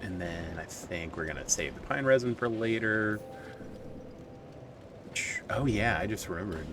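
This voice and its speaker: A man's voice: on the low side, lively intonation, a little slow, noisy background. A man giving casual, joking commentary while playing a video game, talking to himself and swearing at enemies.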